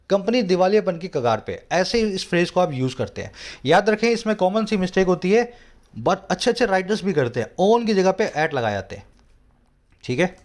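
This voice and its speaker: A man's voice: high-pitched, a little mellow. A man with an Indian English accent teaching English from a newspaper editorial, explaining each word and checking that his students follow. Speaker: English tutor. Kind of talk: editorial reading lesson.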